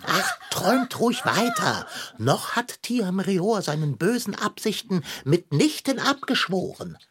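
A woman's voice: medium pitch, sing-song, measured pace, noisy background. Theatrical woman in a children's audio play. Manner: theatrical, urgent exhortations. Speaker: narrator and lead character.

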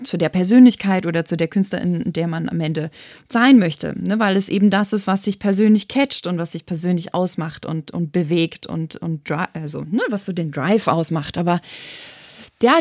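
A woman in her thirties from eastern Germany, a composer and arranger appearing as an interview guest, speaks reflectively in a medium-pitched, slightly mellow voice, searching for words and often restarting sentences. The studio sound is clean with no room sound.

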